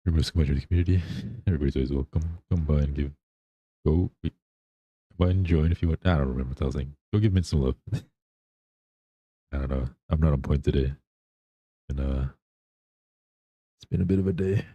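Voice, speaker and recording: A man's voice: rumbling low, fast talker, long pauses, warm tone, husky, no room sound, lo-fi sound. A man chatting casually on a livestream as the streamer, in a laid-back, rambling way. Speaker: live streamer.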